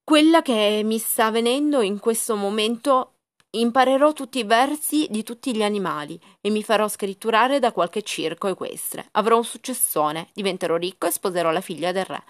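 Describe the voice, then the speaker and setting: A woman voicing a sad, earnest young male dog in a storybook reading, speaking higher than her own voice. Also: lively intonation, moderate pace, lightly acted. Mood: excited.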